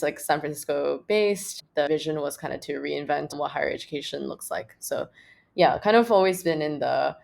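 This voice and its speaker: Her voice is gravelly and low-pitched. She's a young startup co-founder from Malaysia, casually answering as an interview guest in a relaxed way, with many fillers and false starts.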